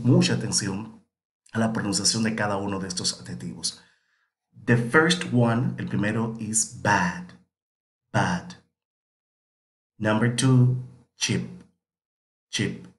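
Man, english teacher, low voice, repeats words slowly and clearly, echoey room. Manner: says each word twice, slowly and clearly. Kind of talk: bilingual pronunciation lesson.

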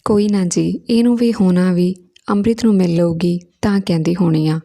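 A woman's voice: on the low side, moderate pace, mellow, natural voice. A woman voicing a middle-aged mother with a reassuring manner, in a storybook reading.

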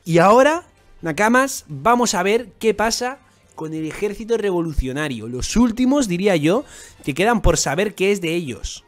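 A young man with a Spanish accent from Spain, giving casual, excitable, slangy reaction commentary as the channel host. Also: sits high, normal speed. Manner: excitable, slangy, often restarts words. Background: faint music.

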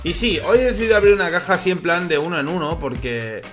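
Young guy from spain, kinda high voice, rambles and swears nonstop, faint music behind. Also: quick pace, a bit bright. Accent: Spain Spanish. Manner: rambling, restless, swears a lot. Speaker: YouTuber host. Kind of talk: casual chat to camera.

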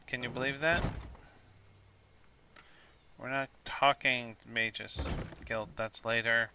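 A tired man talks through his gameplay in a chatty, self-mocking way, thinking aloud as he goes. His voice is gravelly yet bright, and he speaks slowly. Faint ambience from the game sits behind him. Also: medium pitch, fairly even intonation, a little hiss or hum. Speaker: gamer, let's play host. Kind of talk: casual gameplay commentary.

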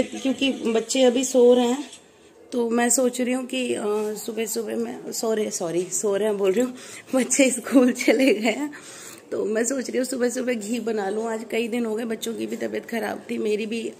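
A woman in her thirties with a hoarse, sore throat, chatting casually through a home cooking vlog and often losing her thread. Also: on the high side, steady tone, normal speed, dark tone. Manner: chatty, loses her thread and corrects herself. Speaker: vlogger, mother. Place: at home indoors.

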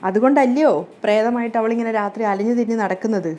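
A woman's voice: on the high side, fast, mellow, close to an everyday voice. Sly old grandmother, as a woman reads her lines. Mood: scheming. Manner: teasing, wheedling.

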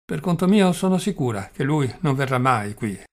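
A man's voice: mid-range voice, lively intonation, moderate pace, natural voice. A man reading the part of a worried, earnest woman in an audiobook. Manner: concerned and earnest. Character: worried, kind woman, Claudia Petrovna.

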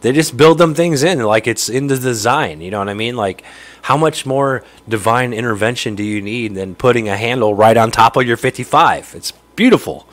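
Broadcasting a relaxed livestream from his indoor home fishroom full of aquariums, a man in his thirties sounds nasal as he recovers from a cold. He chats away, greets viewers by name, and laughs often, at a medium pitch and moderate pace. A studio mic on a stand sits close in front of him.

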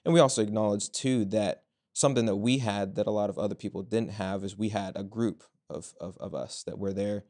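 A young man with a fairly low voice speaks in a measured, reflective way, pausing often and searching for words. He is a student guest recounting an experience in an interview, recorded in a bright office room on a clip-on mic. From Virginia. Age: 20s. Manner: measured, with frequent pauses and fillers. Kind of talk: thoughtful interview answers.

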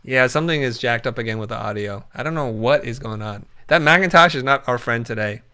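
A man hosting a casual livestream chat on a video call, jokey and quick to laugh. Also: mid-range voice, sharp tone, smooth. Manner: jokey, laughs often, slips into whispers. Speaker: host.

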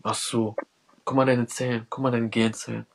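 A man's voice: mid-range voice, little pitch movement, fairly quick, gravelly. A man arguing religion in an online voice chat, repetitive and pleading, calling the others brother. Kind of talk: heated religious debate.

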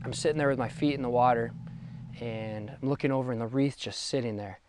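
A man's voice: medium pitch, steady tone, fairly quick, darkish tone, a little hiss or hum. A man, a paddle boarder, talking casually in a documentary interview.

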